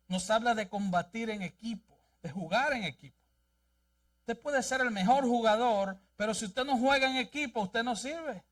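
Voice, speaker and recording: A man's voice: extremely high pitch, a bit bright, far from the mic. A male pastor preaching a sermon and reading scripture aloud in a church, with an emphatic delivery. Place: church sanctuary.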